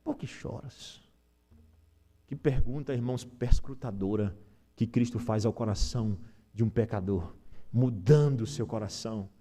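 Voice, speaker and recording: A man's voice: lowish voice, normal speed, dark tone. A man with a Brazilian Portuguese accent, preaching an Easter sermon as pastor and asking the congregation rhetorical questions.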